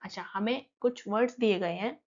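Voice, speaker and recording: A woman teacher, explaining a textbook lesson and reading English lines slowly before she explains them. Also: mid-range voice, a little mellow, muffled recording.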